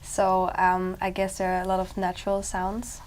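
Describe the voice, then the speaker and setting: A woman's voice: medium pitch, monotone, normal speed, a little hiss or hum. A young woman, an exam candidate thinking aloud in a conversational way. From Switzerland. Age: young adult. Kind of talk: spoken exam discussion.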